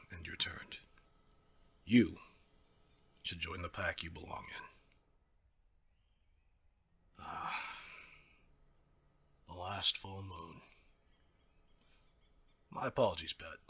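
In an ASMR audio drama, a man voices a smug, menacing werewolf pack leader. His low, raspy voice is heavily acted, coaxing and full of mock-courteous condescension.

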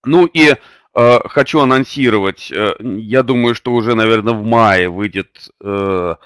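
Male webinar host, low voice, halting delivery full of fillers, dry close sound. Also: a bit bright, smooth, dry recording. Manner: hesitant, many drawn-out fillers. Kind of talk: unscripted webinar presentation.

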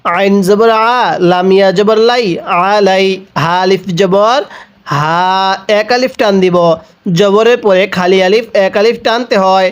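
In a slow recitation lesson, a Bangladeshi man teaches the Quran by patiently spelling out each syllable and inviting the listener to read along. His voice is high, smooth, and a touch slow.

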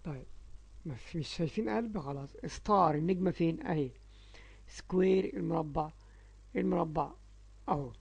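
A male Egyptian teacher with a gravelly, mellow voice, slowly stretching out letter sounds in a phonics lesson for small children. Egyptian Arabic accent, recorded dry with no room echo. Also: fairly high pitch. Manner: slow, drawn-out sounding of letters. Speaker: English teacher for young children.

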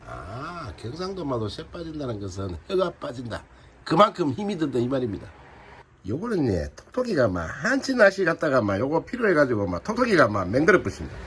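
A man's voice: mid-range voice, wildly swooping pitch, a little fast, fairly bright tone, a little hiss or hum. A man with a Gyeongsang accent chatting through a demonstration of his fishing gear. He banters with himself, asking questions and then answering them. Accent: Gyeongsang Korean. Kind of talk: casual product demonstration.

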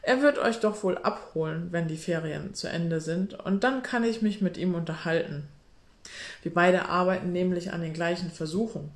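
A woman's voice: on the low side, moderate pace, close to an everyday voice. Cold commanding stepfather, read by a woman, clipped, storybook, roomy room sound. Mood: polite. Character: cold, stern smiling stepfather, middle-aged man. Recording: roomy echo.

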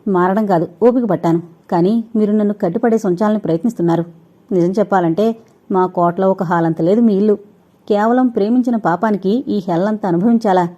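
A woman's voice: medium pitch, a little fast, warm tone, lo-fi sound, lightly acted. Woman voicing an indignant, demanding young lady. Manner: indignant, complaining.

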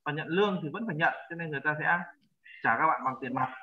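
A man leads a language lesson, patient and repetitive as he drills vocabulary. His voice sits a little high. The audio is dull and lo-fi, like an online class call. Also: very noisy. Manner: patient, repeats words slowly for learners. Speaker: teacher.

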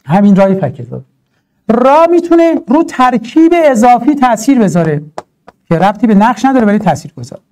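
A male teacher running through grammar points for an exam. His voice sits high, but its tone is dark and mellow. He swings his pitch up and down a lot. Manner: animated, emphatic, drawn-out stresses and rhetorical asides. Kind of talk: exam-prep grammar lesson.

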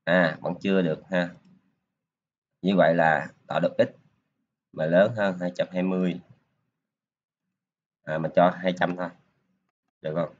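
A man's voice: deep voice, fairly even intonation, measured pace, pauses often, lo-fi sound. A man giving a casual screen-recorded coding lesson, talking his way through each step with lots of filler particles. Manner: casual, talks while clicking through steps, many filler particles. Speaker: programming teacher.

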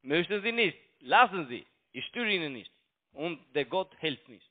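Very animated and fairly high in pitch, this man talks at normal speed with a foreign accent; German isn't his native language. As a phone broker and scam caller, he argues in broken sentences on a tinny narrowband phone line, insistently repeating himself.

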